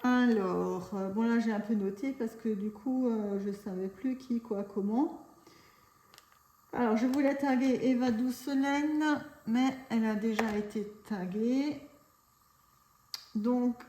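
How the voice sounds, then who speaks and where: A woman's voice: fairly high pitch, slow pace, warm tone, a little hiss or hum. A woman chatting casually for her craft channel, rambling along with lots of fillers. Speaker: craft YouTuber. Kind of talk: casual chat. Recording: echoey room.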